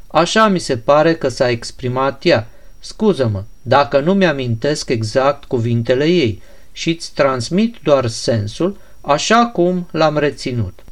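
A man voicing a calm, polite young prince who answers in an even, courteous tone in a storybook reading. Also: mid-range voice, lightly acted.

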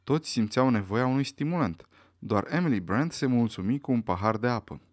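A man narrating a mystery novel aloud in an expressive, dramatic manner. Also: medium pitch, no echo. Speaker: audiobook reader. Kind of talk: scripted narration.

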